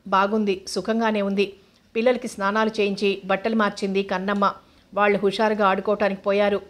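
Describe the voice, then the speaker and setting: A woman reading a novel aloud as narrator, voicing every character in her own even tone. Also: medium pitch. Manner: flat even reading, voices all characters plainly.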